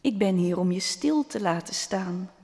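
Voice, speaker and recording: A man voicing a small, wise talking pebble, speaking softly and calmly in a storybook. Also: high voice, measured pace, creaky, full character voice. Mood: calm, gentle. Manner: soft, calm, quietly persuasive. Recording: long hall reverb.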